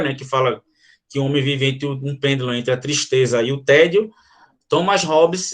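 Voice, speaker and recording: Animated male literature teacher. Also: fairly high pitch. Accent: Brazilian Portuguese. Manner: animated, addresses students directly, reads verses aloud. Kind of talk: online class explaining a poem.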